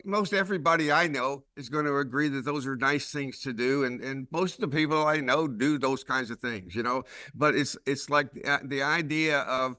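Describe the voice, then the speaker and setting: A man's voice: medium pitch, normal speed, hardly any pauses, bright, forceful tone, dry recording. A man with a Southern US accent, hosting a podcast discussion and telling rambling, self-mocking stories. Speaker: podcast host.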